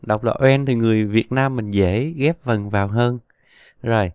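Giọng nam miền Nam, giảng phát âm chậm rãi, kiên nhẫn, giọng trong, thu âm khô và gần. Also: male voice, mid-range voice, normal speed, darkish tone, smooth, no room sound, clean studio sound. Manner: patient, drills each sound twice. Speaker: Chinese pronunciation teacher. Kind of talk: slow, repetitive language lesson.

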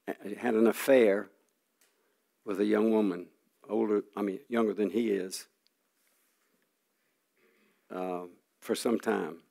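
An older man giving an earnest sermon testimony, telling a personal story with halting restarts and frequent throat clearing. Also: lowish voice, fairly even intonation, dark tone. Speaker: preacher.

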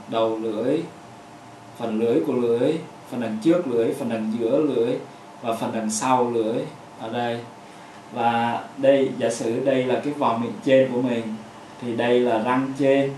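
A man's voice: mid-range voice, darkish tone, far from the mic, a little hiss or hum. Vietnamese man explaining a lesson, echoey room. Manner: halting, with many fillers, repeating example words. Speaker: pronunciation teacher. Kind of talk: explaining a lesson with hand demonstrations.

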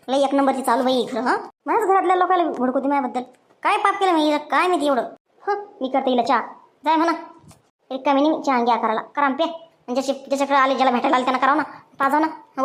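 High fast-talking cartoon village bahu, bickering and scheming nonstop, as a woman voices her. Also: close to an everyday voice. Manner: quarrelsome, rapid, indignant. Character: sharp-tongued young village daughter-in-law, scheming. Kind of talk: cartoon voice acting.

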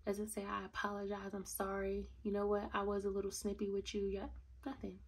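A young woman tells a storytime vlog with blunt, indignant energy. Her voice has a gravelly fry and a husky, rough grain at a mid pitch. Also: monotone, brisk. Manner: blunt, indignant, addresses viewers as y'all. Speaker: vlogger.

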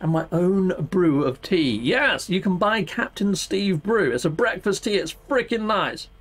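Middle aged guy doing a gaming stream, high voice that bounces all over, chatty and playful. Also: lively intonation, unhurried. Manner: exuberant, peppered with playful catchphrases. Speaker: YouTube gaming host. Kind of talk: casual gaming stream chat. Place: indoor home streaming setup, seated.

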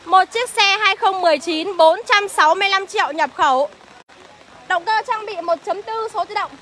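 A young woman selling used cars on a livestream, talking briskly as she reels off prices and calls out to viewers. Her voice is very high and bright. Faint outdoor noise and passing traffic sit behind her. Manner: brisk sales patter, reels off prices and addresses viewers as "anh". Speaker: used car seller livestreaming. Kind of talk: live sales stream, reading out prices and greeting viewers. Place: outdoor used car lot.

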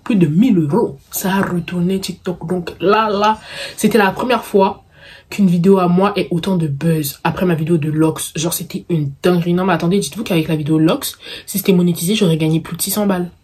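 Brisk, husky and darkish, this lowish female voice comes from a vlogger in her early twenties fielding viewer questions. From the Paris suburbs and of Congolese descent, she keeps it playful and slangy, with a suburban Parisian accent and English catchphrases mixed in.

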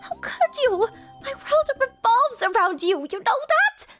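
With music playing behind her, a lovestruck teenage anime girl speaks in an extremely high, very animated pitch at a measured pace, fully in character. Clingy and jealous, she delivers every line with dramatic emotion like a romantic comedy dub, sounding jealous and frantic.

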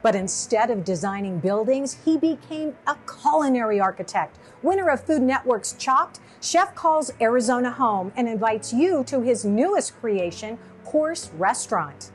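A woman's voice: a little high, lively intonation, moderate pace, few pauses, a little hiss or hum. Bubbly older woman hosting in a kitchen. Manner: bubbly, enthusiastic, exclaiming. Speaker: TV lifestyle show host. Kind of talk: sponsored TV segment interview. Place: restaurant kitchen, indoors. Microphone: lapel mic.

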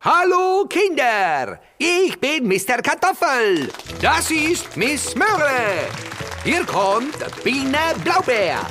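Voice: high voice, big pitch swings, extremely slow, full character voice. A woman, by the sound of the voice, playing a cheerful potato showman who announces grandly in a children's audio play. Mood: showy, cheerful. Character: cheerful theatrical potato showman hosting a Christmas show. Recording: loud music behind.

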